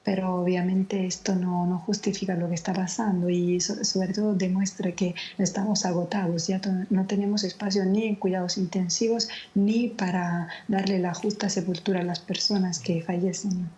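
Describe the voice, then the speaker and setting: A woman from Naples with Italian as her first language, speaking slowly and in a measured way over a remote link, tired late at night. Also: on the low side, flat delivery, mellow. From Naples, Italy. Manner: slow, measured, subdued. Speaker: correspondent. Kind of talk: remote news interview. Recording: lo-fi remote call line.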